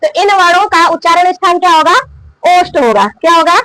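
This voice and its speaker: A woman teaches a grammar lesson in a very high, bright voice. She asks the class a question, then answers it herself and repeats the answer. The recording is dry and close. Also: a little fast, dry recording, low-quality recording. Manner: coughs now and then. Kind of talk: classroom lesson explaining and drilling.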